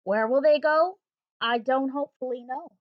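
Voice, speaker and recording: A woman's voice: high voice, moderate pace, dry recording, natural voice. A woman voicing a small, stern forest creature who scolds in emphatic rhyming lines. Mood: pleading. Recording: dull, dry home recording.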